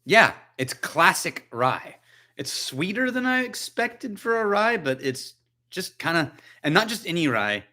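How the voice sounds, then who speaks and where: A man with a bright, forward voice hosts a relaxed whisky tasting livestream from his own home. He chats and jokes with viewers, thinks out loud between sips and answers their comments as they come in. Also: high-pitched, measured pace. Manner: chatty, joking, thinks aloud while tasting. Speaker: whisky channel host. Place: his own chilly house.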